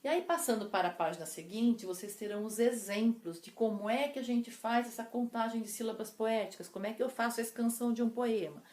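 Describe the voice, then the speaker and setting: A woman teacher explaining poetic meter to her class, counting syllables slowly and deliberately. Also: a little high, darkish tone. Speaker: literature teacher. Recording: echoey room.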